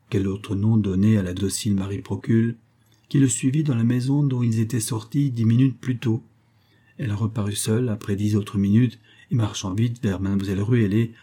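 Husky dark-voiced man reading a novel. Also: fairly low pitch. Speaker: audiobook narrator. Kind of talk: literary audiobook reading.

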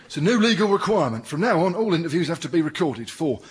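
High, lively man in a comedy sketch. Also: fast. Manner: blustering, playful, breaks into impressions. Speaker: comedy actor playing a police sergeant. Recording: noisy old recording.

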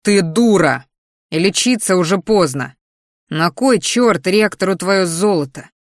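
A woman's voice: fairly low pitch, expressive, measured pace, dry recording, clean studio sound. A woman voicing an angry young male mage scolding his sister in a growling, exasperated way. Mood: furious.

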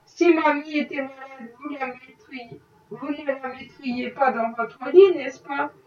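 A woman's voice: high voice, measured pace, roomy sound, recorded from a distance, lo-fi sound. A woman reading a novel aloud, voicing a haughty, self-pitying rich lady in a prim, disapproving way. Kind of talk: audiobook reading.

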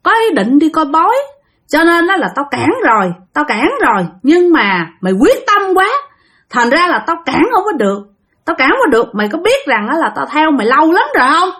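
A long-dead male ghost barks at the living in a brusque, possessive, scolding tone, as a woman puts him on. The voice sits higher and louder than an everyday speaking voice. It sounds like a ghost story being told aloud. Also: lively intonation, moderate pace. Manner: brusque and scolding, crude familiar address.

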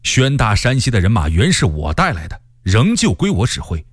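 A man's voice: fairly low pitch, huge pitch swings, normal speed, dry recording, studio quality. A man voicing a proud, stubborn male army commander who speaks in a stern, scornful way. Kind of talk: storytelling character voice.

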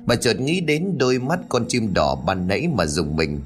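A man's voice: lowish voice, sing-song, normal speed. A man narrating a ghost story aloud, lightly voicing the characters as he reads. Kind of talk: scripted horror story narration. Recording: faint music behind.

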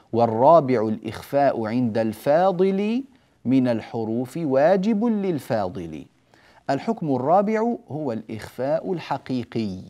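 Teaching Quran recitation on a recording, a middle-aged man uses a medium-pitched voice that is mellow and relaxed. Patient throughout, he answers his own questions and lingers slowly over every word he quotes.

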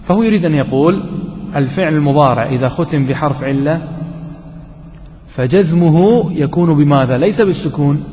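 A man's voice: fairly high pitch, fairly quick, pauses often, dark tone. A man teaching a grammar class, explaining each point step by step and checking with his students through questions. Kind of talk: classroom lesson. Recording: dull lo-fi recording with long reverb in a hall.

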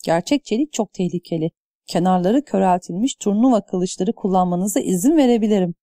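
A woman's voice: medium pitch, animated, a little fast, warm tone, no room sound, clean studio sound, lightly acted. A woman voicing a stern old master-at-arms. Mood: firm. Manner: firm, commanding.

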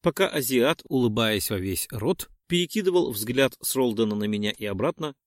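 Expressive male audiobook narrator. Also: medium pitch, dry recording. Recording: dry close studio sound.

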